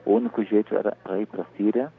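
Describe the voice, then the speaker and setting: Guy calling in from abroad, lowish voice, sounds like an old phone. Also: very animated, fast, slightly rough. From Brazil. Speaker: emigrant caller. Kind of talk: testimony over a phone line. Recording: tinny phone line.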